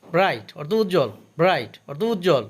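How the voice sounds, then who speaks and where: A man's voice: on the high side, animated, slightly rough. A man teaching English vocabulary, saying each word and its meaning twice and stopping to explain the pronunciation. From Bangladesh. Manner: slow, careful drill with pronunciation notes.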